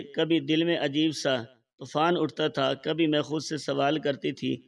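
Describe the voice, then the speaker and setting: A man's voice: fairly high pitch, creaky. Male storyteller reading from a distance. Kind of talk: scripted first-person story narration. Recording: voice slightly far from the mic.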